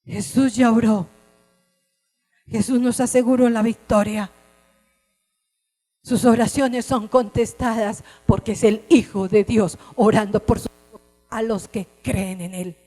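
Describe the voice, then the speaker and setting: A woman's voice: a little high, fairly even intonation, takes it slowly, long pauses, soft background music. Impassioned woman preacher in a reverberant hall. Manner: impassioned, rising to cries then dropping to hushed tones. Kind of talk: sermon. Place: church service.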